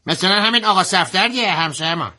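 A woman's voice: on the low side, expressive, pushed and bright. A woman co-hosting a radio show, trading teasing, mock-indignant comic banter and laughing often.

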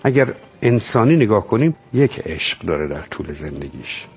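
A man explaining thoughtfully in a measured way, with hesitant pauses. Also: on the low side, big pitch swings, slightly rough. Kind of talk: reflective talk.

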